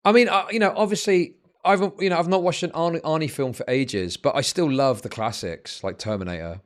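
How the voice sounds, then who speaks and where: Streamer, male, fairly high voice, casual and profane, loose rambling delivery that heats up into rants. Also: fairly quick. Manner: rambling, profane storytelling that builds into exasperated rants. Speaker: livestream host.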